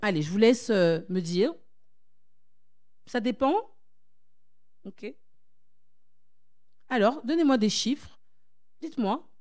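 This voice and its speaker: A woman coaching at a church conference spurs her listeners on, repeating phrases and firing questions at the audience in an exhortative style. Her voice is a little high with a darkish tone, very animated, and slow with long pauses.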